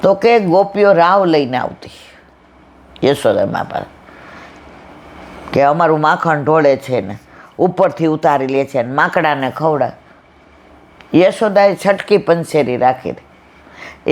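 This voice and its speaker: A woman's voice: sits low, lively intonation, unhurried, pauses often. An older woman giving a devotional satsang discourse, telling stories and acting out family anecdotes. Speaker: devotional speaker.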